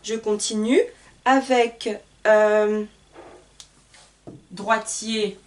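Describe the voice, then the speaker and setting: Woman teacher, clear grammar lesson, unhurried, spells things out, voice a little far from the mic. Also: mid-range voice, fairly even intonation. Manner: slow, spells out letters and repeats word pairs. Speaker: French teacher.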